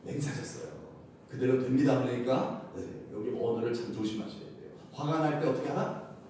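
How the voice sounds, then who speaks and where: A man preaching a sermon as pastor, lively and playful, often laughing and calling out to the congregation. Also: brisk. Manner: animated, shouts acted crowd cries, laughs often. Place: church sanctuary. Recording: loud echo, from far off, faint rumble.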